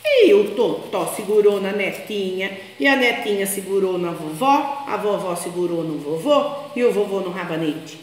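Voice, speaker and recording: A Brazilian woman, a teacher, telling a picture-book story to young children in a slow, sing-song, affectionate way. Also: mid-range voice, expressive. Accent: Brazilian Portuguese. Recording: echoey room, long reverb.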